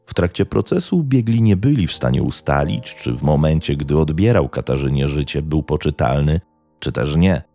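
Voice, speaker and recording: A man narrating a scripted true-crime podcast in a grave, measured way. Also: rumbling low, lively intonation, mellow, faint music behind.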